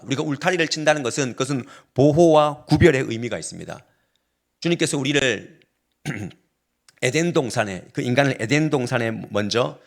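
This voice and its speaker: A man's voice: medium pitch, vocal fry. A man, a pastor, preaching a sermon to his congregation in an explanatory way and putting questions to the listeners.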